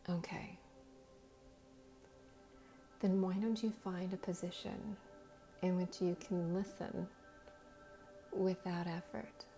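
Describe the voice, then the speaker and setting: A woman guiding a hypnosis relaxation in a slow, soothing, measured hypnotist manner, with long pauses and a soft voice that turns breathy at phrase ends. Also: fairly low pitch, steady tone, soft background music. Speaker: guided hypnosis and meditation host.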